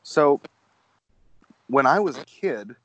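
A man's voice: mid-range voice, animated, takes it slowly, no room sound, highs cut off. A man from Connecticut with an American accent, interviewing in a casual, thoughtful and somewhat hesitant way. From Connecticut, United States.

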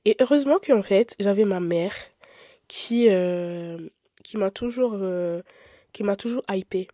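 A woman's voice: mid-range voice, measured pace, no echo, clean studio sound. Candid young woman hosting a podcast. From Italy. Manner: candid, expressive, chatty with filler words. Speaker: podcast host. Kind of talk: casual podcast monologue.

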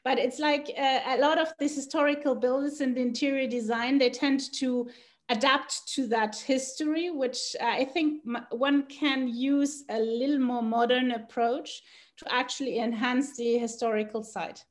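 A woman's voice: high voice, fairly even intonation, normal speed. Hesitant South American woman guest. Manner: hesitant, many fillers, laughs often. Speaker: podcast guest. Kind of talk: casual interview chat.

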